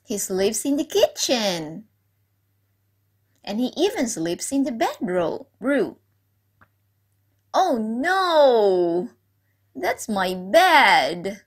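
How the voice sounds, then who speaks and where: Very slow, lively woman teacher. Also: on the high side, husky. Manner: asks the class questions and repeats key words; praising, encouraging. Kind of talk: storytelling lesson for young children.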